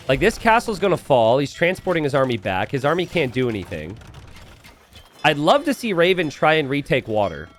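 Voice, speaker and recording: A man giving live, casual and joking video game commentary to a stream, prone to excitable, repeated exclamations. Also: fairly high pitch, slight background noise. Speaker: esports commentator. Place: indoors at a computer.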